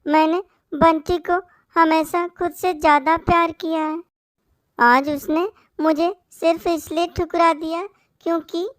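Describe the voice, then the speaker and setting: A woman's voice: very high voice, dry recording, studio quality. Woman voicing a tearful little sparrow girl. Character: sad young female sparrow, sweet-natured. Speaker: voice actor for a cartoon story.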